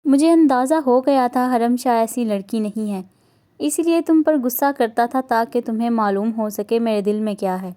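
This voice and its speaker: A woman's voice: on the high side, warm tone, close to an everyday voice. A woman voicing a young husband in a romance novel reading, teasing and earnest by turns. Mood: affectionate.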